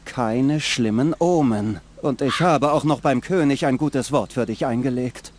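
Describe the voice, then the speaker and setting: A man's voice: medium pitch, measured pace, lightly acted. An actor playing a stern, threatening guard of a king's court in a fantasy adventure game, commanding and menacing.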